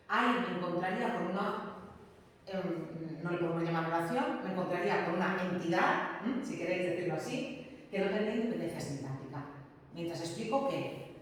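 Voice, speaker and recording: A woman teacher lectures on grammar, patient and explanatory, often pausing to check her students follow with a short "¿m?". Her voice rings through a large reverberant room. She stands well back from the microphone, with faint background noise. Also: fairly low pitch. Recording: echoey room, distant mic, faint ambient noise.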